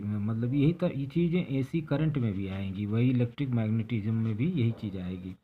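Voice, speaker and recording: A man teaching a school science chapter from a textbook, talking in a rambling way with frequent pauses and restarts. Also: lowish voice. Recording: tinny phone-like recording, faint noise.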